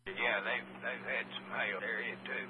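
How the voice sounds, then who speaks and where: A man working as a net controller, talking haltingly in police-radio style over a two-way radio. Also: mid-range voice, steady tone. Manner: halting, hesitant speech with many pauses. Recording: tinny narrow-band radio, clear noise and hum.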